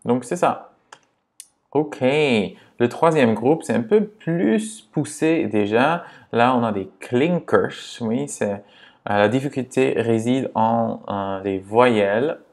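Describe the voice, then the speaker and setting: A man teaching grammar to beginners, patient and repetitive, checking in often with a quick "ok?". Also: medium pitch, expressive, a little mellow. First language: Dutch. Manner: patient, repeats words and checks in with "ok?". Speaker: language teacher.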